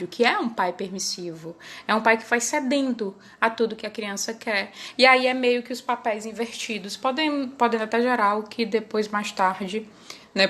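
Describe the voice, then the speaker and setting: Chatting casually to camera on her parenting channel, a woman speaks in a mid-range voice with a fairly bright tone. Small tag questions frequently end her phrases.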